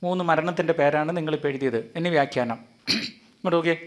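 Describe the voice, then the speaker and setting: A man preaching an animated sermon in a hall before a live audience, calling on listeners to answer aloud. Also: on the high side, fast. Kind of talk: lively sermon with audience interaction.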